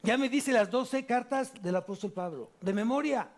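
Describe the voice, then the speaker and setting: A man preaching a sermon in church, animated, asking the congregation rhetorical questions and answering them himself. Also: extremely high pitch, normal speed. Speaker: pastor.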